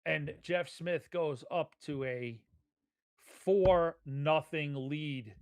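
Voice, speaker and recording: Higher-pitched man commentating on darts. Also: drawn-out words. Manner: conversational, folksy turns of phrase. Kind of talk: live sports commentary.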